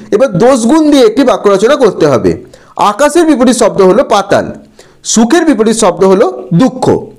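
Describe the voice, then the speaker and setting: A man explains textbook answers to students. His delivery is slow and deliberate, spelling out words syllable by syllable, and his pitch moves in a lively way. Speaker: teacher.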